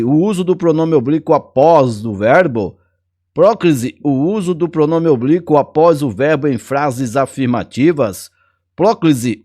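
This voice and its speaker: A man's voice: fairly high pitch, a little mellow. A man with a Brazilian Portuguese accent teaching a casual exam-prep lesson, chatty and jokey, repeating key words.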